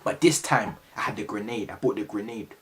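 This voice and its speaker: A man's voice: fairly low pitch, brisk. A young man telling a story to camera in a casual, slangy way. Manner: animated, slangy, bursts of shouted sound effects.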